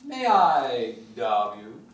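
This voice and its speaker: A man's voice: mid-range voice, wildly swooping pitch, very slow, heavily acted. A man playing a doting, goofy young boyfriend in a live stage play, heard in an echoey room from a distant mic.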